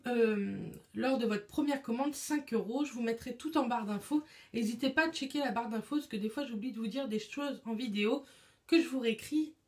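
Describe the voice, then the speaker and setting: Young adult woman, casual beauty vlogger, slightly high voice, rambling and chatty. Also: darkish tone. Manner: chatty, with many fillers and restarts. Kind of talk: casual monthly favorites chat.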